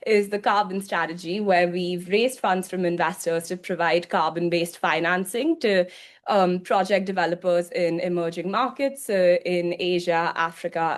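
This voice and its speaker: A woman introducing a session to an audience in a meeting room. Her voice is a little low. She speaks in a businesslike way, with ums and small restarts along the way. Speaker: session co-host. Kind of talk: presentation introduction.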